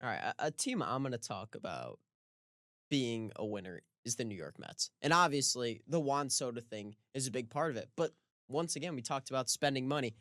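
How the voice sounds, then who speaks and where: A man co-hosting a casual sports podcast, easygoing and quick to laugh, often pausing on "um". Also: mid-range voice, lively intonation, a bit bright, dry recording, clean studio sound. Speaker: podcast co-host.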